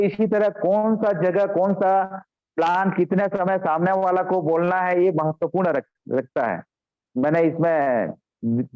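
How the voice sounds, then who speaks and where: A man giving a motivational business training on a video call, repeating key points and often addressing his listeners directly. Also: a little high. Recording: dull lo-fi call audio.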